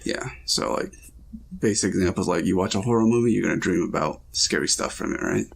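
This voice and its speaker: Man, low voice, gravelly, casual podcast chat, relaxed. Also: fairly quick. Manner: relaxed, talks with frequent fillers. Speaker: podcast co-host reading and interpreting dreams.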